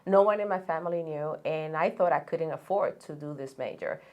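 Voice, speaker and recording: Here a woman with a low voice, a college coach and business founder from the Dominican Republic who speaks Spanish as her first language, shares stories as an interview guest. Her pace is a little fast and her manner earnest and steady, with frequent fillers and restarts, on a lo-fi recording.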